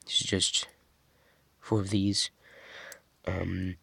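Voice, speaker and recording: A young man casually showing off a toy model he built, talking in a monotone with many fillers and restarts. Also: low voice, drawn-out words, gravelly, slightly rough, no echo. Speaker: hobby builder showing a model. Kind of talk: casual show-and-tell.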